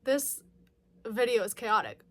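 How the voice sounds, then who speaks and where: A book vlogger with a lingering mild cold, which leaves her slightly nasal, chats casually through a book haul and reads blurbs aloud. Her voice is a little high with lively intonation at a measured pace, and she's giggly and corrects herself.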